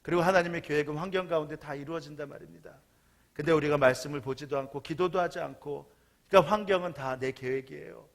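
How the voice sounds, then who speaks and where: A man's voice: on the high side, steady tone, fast, vocal fry. A man preaching a Sunday sermon as pastor, in a conversational storytelling manner, recorded in a church. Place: church sanctuary.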